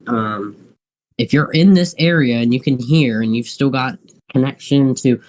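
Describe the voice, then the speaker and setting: Man, medium pitch, live weather commentary, halting delivery, repeats himself, thinks aloud. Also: a little mellow, rough recording. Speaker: live weather stream host.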